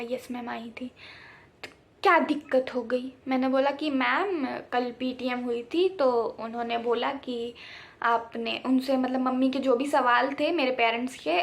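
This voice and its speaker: Animated young woman telling a story. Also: high-pitched, gravelly. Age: young adult. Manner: animated, acts out quoted voices, laughs at own story. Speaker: vlogger. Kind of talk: casual storytime.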